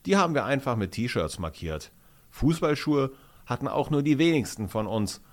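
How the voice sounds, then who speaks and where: A man's voice: mid-range voice, sing-song, moderate pace, voice pushed up, close to an everyday voice. A man reading aloud, voicing an earnest, polite young boy who tells the other children about life in his home village. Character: boy newly moved from the countryside, polite, thoughtful.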